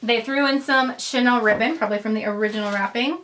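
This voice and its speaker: A young woman vlogger chatting casually and excitedly through an unboxing, rambling as she goes. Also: on the high side, quick pace, slight background noise, poor audio. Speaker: fashion vlogger.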